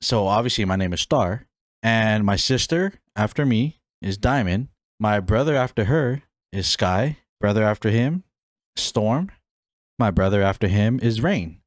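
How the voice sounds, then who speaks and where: In this casual solo podcast, a young Hawaiian host talks about himself, meandering amiably with plenty of fillers and false starts. He speaks in a lowish, expressive, unhurried voice, and there's no room sound at all.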